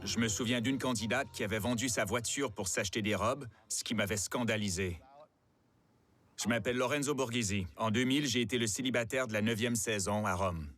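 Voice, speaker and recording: A man calmly recounting, with some regret, his time as the star of a reality show, in a dubbed documentary interview. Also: medium pitch, a little fast, soft background music. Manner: calm, rueful first-person recounting.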